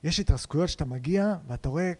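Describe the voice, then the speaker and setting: A man's voice: fairly high pitch, animated, breathy edge. A man, a stand-up comedian, reflecting in casual chat and building vivid images as he talks.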